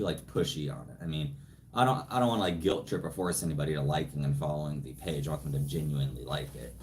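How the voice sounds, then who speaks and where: His voice is extremely low and darkish in tone: a man from California hosting a relaxed at-home livestream Q&A. He rambles and jokes at his own expense while reading viewer comments into a phone placed a little way off, with slight background noise present.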